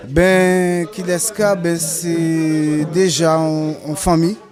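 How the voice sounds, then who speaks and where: A man from Guadeloupe with a Guadeloupean Creole accent, speaking halting French mixed with Creole turns of phrase as a carnival group's artistic director. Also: fairly high pitch, flat delivery. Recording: faint music behind.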